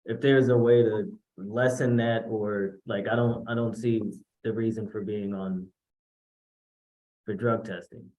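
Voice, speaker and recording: A man speaking as a defendant, heard on a courtroom recording, halting and searching for words. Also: lowish voice, steady tone, reverberant, muffled recording.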